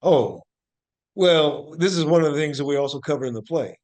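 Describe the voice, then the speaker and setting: Here the actor and playwright sounds on the high side, with a darkish tone and a normal pace. As an interview guest he reflects aloud conversationally, explaining earnestly and stressing points through repetition.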